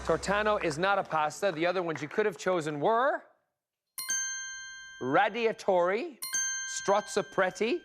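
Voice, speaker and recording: A man's voice: sits high, lively intonation, measured pace, long pauses. A man hosting a TV quiz show in a studio, upbeat and playful with the contestants. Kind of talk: lively game show hosting. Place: TV studio with live audience. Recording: broadcast studio with music and crowd. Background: music and studio crowd.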